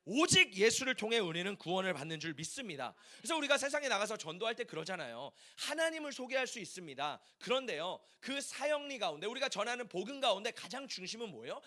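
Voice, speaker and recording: Animated bright-voiced male pastor preaching. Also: high voice, quick pace, hardly any pauses. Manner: animated preaching with questions to the congregation. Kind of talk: sermon. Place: church sanctuary.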